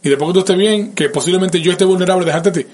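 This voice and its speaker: A man's voice: high-pitched, racing, darkish tone. Earnest man giving parenting advice. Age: adult parent. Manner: earnest and advice-giving, addresses listeners directly; emotional and open about feelings. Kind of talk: casual conversation.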